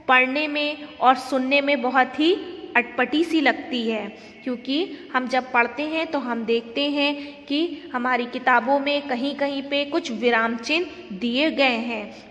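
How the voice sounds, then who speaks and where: A woman's voice: high-pitched, fairly bright tone, big-room sound. A woman teacher giving a recorded lesson to schoolchildren, explaining step by step and asking and answering her own questions.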